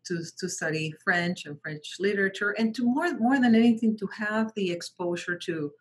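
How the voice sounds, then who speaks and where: Here the translation company founder, a middle-aged Spanish-speaking woman from Mexico, talks at a moderate pace with a medium pitch and a breathy edge. As an interview guest recounting her story, she keeps restarting, repeating words and lively quoting what others said.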